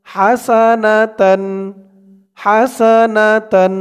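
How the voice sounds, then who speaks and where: With a Bangladeshi Bengali accent, a man teaches a prayer slowly, spelling it out letter by letter. His voice sits high with a darkish tone. He draws out the recited words in a chant, breaking between them for quick explanations.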